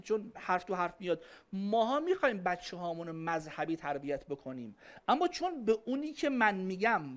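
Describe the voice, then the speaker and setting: A woman giving a lively religious lecture on family and parenting to a live audience. She speaks conversationally and answers questions from the audience. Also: mid-range voice. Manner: emphatic, conversational, acting out quoted voices.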